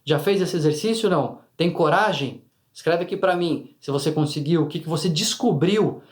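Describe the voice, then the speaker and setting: A man with a fairly high voice explains emotions to his viewers in a lively, chatty way. He often slips into short acted bits of inner dialogue. The room around him sounds roomy and echoey. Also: moderate pace. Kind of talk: casual explanatory video talk to viewers.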